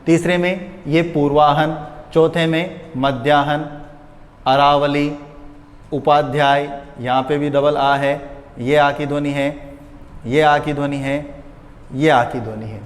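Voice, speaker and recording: A young male teacher gives a slow, patient grammar lesson, spelling out each rule step by step. His voice sits a little high, and the room echoes with a long ringing tail. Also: steady tone. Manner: patient, repeats each rule slowly, asks questions and answers them himself. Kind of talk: exam-prep grammar lesson.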